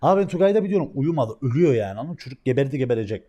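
A young man on a stream tells a story in casual chat, animated and swearing heavily, swinging between loud outbursts and quiet asides. His medium-pitched voice comes rapid-fire through a muffled recording.

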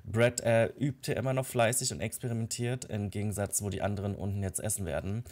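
A man's voice: fairly low pitch, steady tone, fairly quick, darkish tone. A young man casually commenting on a life-simulation game, telling the characters' quarrels and thoughts in his own voice with frequent fillers. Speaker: Let's Play host.

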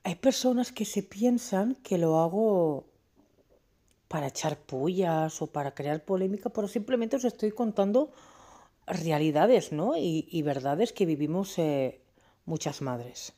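A woman's voice: fairly low pitch, darkish tone. Candid, emphatic woman talking to camera. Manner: candid and emphatic, full of restarts and rhetorical questions. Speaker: family vlogger.

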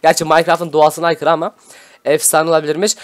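A young man, doing excited gameplay commentary for his channel and trash-talking the players he fights. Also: on the high side, fast. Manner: shouty, hyped, trash-talking at opponents. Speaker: gaming YouTuber.

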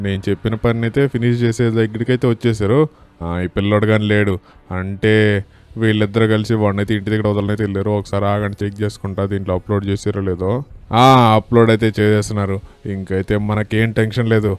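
A man's voice: flat delivery, quick pace, darkish tone, clear, resonant tone, no room sound, lightly acted. A man doing a jumpy, harried uncle. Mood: grumbling. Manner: yelps in high-pitched panic. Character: harried grown-up uncle, easily panicked.

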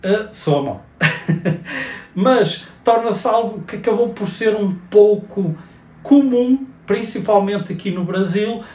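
High-voiced man teaching. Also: slow, darkish tone. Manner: chatty, explains step by step. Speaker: bonsai channel host. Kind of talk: casual explanatory lesson. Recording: roomy echoey recording.

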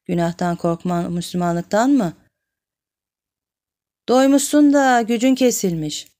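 A woman's voice: medium pitch, measured pace, dark tone, close to an everyday voice. A woman voicing a jealous, demanding village woman who nags and accuses. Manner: nagging, accusing.

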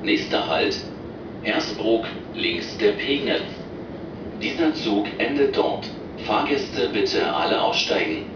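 A man reading scripted station announcements in a formal, measured way over a train intercom. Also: fairly low pitch, expressive, muffled recording. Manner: formal, measured, in short set phrases. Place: inside a commuter train carriage. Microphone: recorder far from the train's loudspeaker. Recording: echoey, noisy train cabin, distant loudspeaker. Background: loud train noise.

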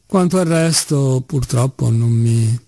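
A man's voice: mid-range voice, slow, warm tone, no room sound, clean studio sound. A man voicing a pompous, irritable doctor. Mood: haughty. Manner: haughty, snappish. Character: pompous irritable male doctor, middle-aged.

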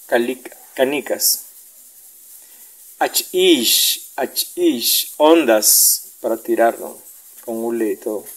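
A man speaks as a teacher, taking his time as he works through a worksheet. He says each new word more than once so learners can copy the sound, in a clear and steady delivery. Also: mid-range voice, low-quality recording. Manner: methodical, repeats words to model pronunciation. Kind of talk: classroom lesson explaining a worksheet.

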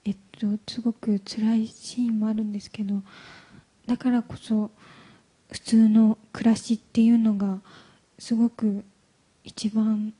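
A young woman from Hyogo, a guest actress speaking softly and hesitantly in a live stage interview. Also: on the high side, level tone, slightly rough. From Hyogo, Japan. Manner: soft-spoken, hesitant, halting. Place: event hall stage.

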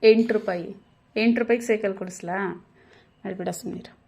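A young woman filming a casual home video, softly coaxing and soothing a crying child with repeated gentle questions. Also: medium pitch, fairly even intonation, normal speed. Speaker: parent filming her child.

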